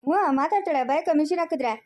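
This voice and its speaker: A woman's voice: high-pitched, racing, warm tone, natural voice. A woman playing a playful grown son who teases and cheers others up, in a home-made family skit. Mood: teasing. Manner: teasing, cheerful.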